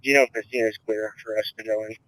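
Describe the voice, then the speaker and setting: Rapid man over police radio. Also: lowish voice, flat delivery, fairly bright tone, low-quality recording. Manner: rapid, clipped radio talk. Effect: police radio transmission. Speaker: rescue crew member on the radio.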